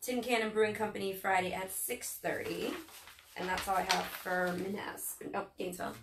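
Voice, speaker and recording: A woman from Northern Virginia co-hosting a casual live stream, reading event listings in a chatty way with many ums, her voice a little hoarse. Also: mid-range voice, fairly even intonation, moderate pace. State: losing her voice. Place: local speed shop, indoors. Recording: echoey room, far from mic, faint noise.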